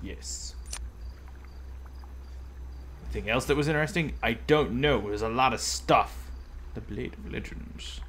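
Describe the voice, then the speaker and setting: A man doing casual video game commentary, excitable and jokey, yelling at enemies as he plays. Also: medium pitch, a little slow, pauses often, slight background noise. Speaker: let's play host.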